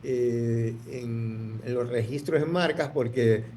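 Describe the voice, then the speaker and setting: In an interview, a male entrepreneur rambles through his story, full of fillers and frequent restarts. His voice is mid-range and mellow, his pace slow, and there's slight noise in the background.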